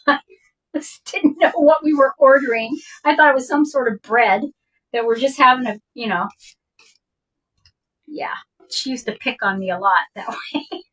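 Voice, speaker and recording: A woman's voice: high voice, fairly bright tone, recorded from a distance, low-quality recording. Chatty woman telling a story, a bit off-mic. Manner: chatty, rambling, laughs often while telling. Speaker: vintage shop owner telling a personal story. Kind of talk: casual storytelling.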